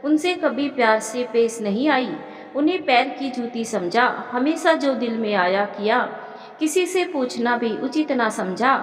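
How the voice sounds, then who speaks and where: A woman with a rather high, animated voice speaks at a measured pace, playing a remorseful young daughter-in-law. The character sounds anxious and blames herself, and the room is echoey with long reverb.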